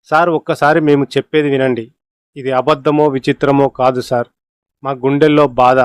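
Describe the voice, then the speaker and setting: A man's voice: mid-range voice, flat delivery, moderate pace, smooth, dry recording, close to an everyday voice. A man voicing a tearful middle-aged father pleading for his son in a storybook reading.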